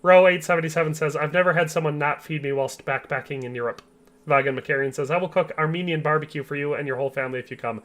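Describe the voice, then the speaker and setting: A man's voice: a little high, fast, a bit bright. A young man from the US Upper Midwest, a game streamer chatting casually, reading chat aloud and laughing easily.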